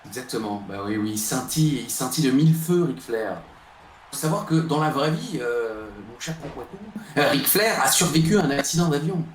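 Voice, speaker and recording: Man, guest co-commentator, wry teasing banter, loud announcer bursts, echoey room, faint background noise. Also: mid-range voice, expressive, a little fast. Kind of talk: playful live-stream fight commentary.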